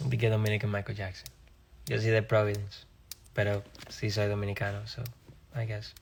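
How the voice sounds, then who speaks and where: Young man from Rhode Island, a singer doing live-stream Q&A, gravelly and laid-back. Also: lowish voice, normal speed, pauses often, slight background noise. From Rhode Island, USA. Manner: relaxed, reads viewer questions aloud and answers offhandedly. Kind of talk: casual live-stream chat answering viewer comments.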